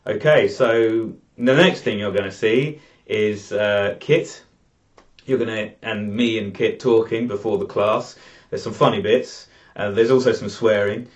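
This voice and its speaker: A man hosting a live online drawing class, talking in a relaxed, rambling way with many fillers, over dull video call audio. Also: on the low side, measured pace. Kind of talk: casual live class introduction.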